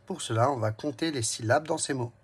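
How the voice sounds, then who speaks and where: A man's voice: medium pitch, fairly quick, slightly rough. A man teaching a reading lesson to young children, saying each word twice and breaking it into syllables while speaking directly to the child. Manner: addresses the child directly and gently. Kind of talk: slow, clearly spelled-out early reading lesson.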